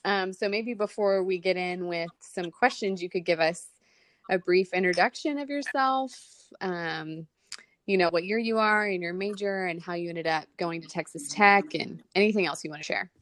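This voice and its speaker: A woman's voice: on the low side, normal speed, fairly bright tone, no room sound. A young adult woman co-hosting a podcast interview, leading questions and affirming the guest with frequent mm-hmms. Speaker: podcast co-host. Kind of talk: casual interview.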